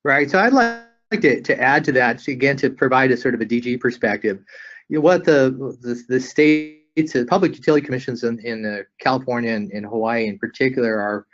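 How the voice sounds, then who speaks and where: Halting male webinar moderator. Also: mid-range voice, a bit bright, lo-fi sound, faint music behind. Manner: halting, repeats words often.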